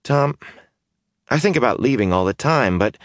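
A man's voice: medium pitch, lively intonation, moderate pace, dry recording, studio quality, voice pushed up, close to an everyday voice. A man voicing a restless, bitter young gambler who complains and grows agitated. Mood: frustrated.

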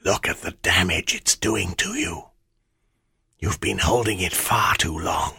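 A man voicing a menacing male shadow spirit who speaks in a slow, hissing whisper full of threat. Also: low-pitched, gravelly, pushed and bright, slightly rough, no room sound, studio quality, heavily acted.

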